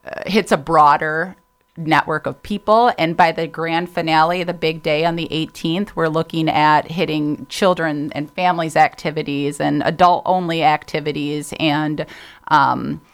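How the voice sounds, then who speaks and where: A woman's voice: deep voice, fairly even intonation, a little slow, clean tone. A woman who volunteers for a festival, talking as a guest in a casual interview in an upbeat way. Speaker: festival committee member, guest.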